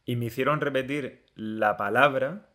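A man in a casual conversation, relaxed, often putting in brief agreeing murmurs. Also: mid-range voice, normal speed.

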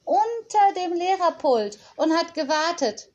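Cheerful nanny teacher, playful, unflappable, high voice, unhurried, storybook, read by a woman. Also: animated, a little mellow, highs cut off.

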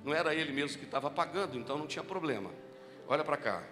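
Male Brazilian pastor, deep strong voice, fairly high pitch, live sermon, long church reverb, music underneath. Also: lively intonation, racing. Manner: storytelling preacher, repeats key lines, rising to fervent exhortation. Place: large church hall.

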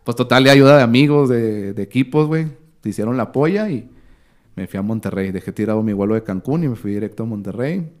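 A man in his thirties with a Mexican Spanish accent, a sports commentator telling a story as a podcast guest in a casual, slangy, animated way, acting out what others said. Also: medium pitch, quick pace. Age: 30s.

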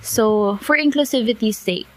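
A woman's voice: fairly high pitch, moderate pace. A woman with a Filipino accent hosting a casual solo podcast, switching between Tagalog and English and thinking aloud as she goes. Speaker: podcast host.

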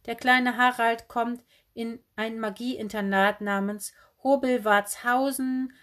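A woman's voice: fairly high pitch, fairly even intonation, takes it slowly, a bit bright, voice pushed up. A woman voicing a cheerful, quirky young female bookseller in a kimono, bubbly and breezy. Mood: chirpy. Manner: bubbly, breezy, oddly matter-of-fact.

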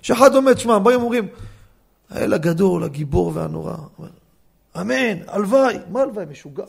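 Animated rabbi, gravelly high voice. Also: male voice. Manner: animated, fires rhetorical questions at listeners. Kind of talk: Torah law lecture. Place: study hall class.

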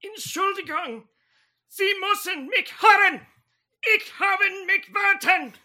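A woman voicing an excitable male cat with a put-on German accent, flustered and shouting, mixing in German words. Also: high-pitched, slow pace, full character voice.

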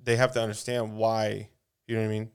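A man's voice: lowish voice, monotone, a little fast, clean tone. A man chatting casually on a podcast, swearing a lot and asking the others questions. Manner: profane, rambling, asks questions. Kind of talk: casual chat.

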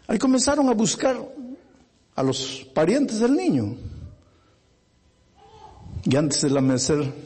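Husky, animated male preacher. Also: medium pitch. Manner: dramatic storytelling, emphatic. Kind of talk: sermon.

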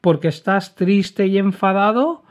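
A man's voice: high-pitched, a little slow, pitched above the performer's own voice. A man putting on a chirpy little bird. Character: small chirpy helpful bird, male. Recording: dull lo-fi recording.

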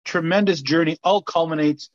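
A man's voice: fairly high pitch, fairly even intonation, moderate pace, lo-fi sound. A man hosting a casual chat show in a jokey, informal way. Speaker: show host.

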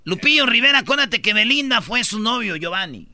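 A man's voice: very high voice, expressive, a little fast, pushed and bright, no room sound, clean studio sound. A man with a Mexican accent hosting a comedy radio show, bantering over news items in a slangy, jokey way.

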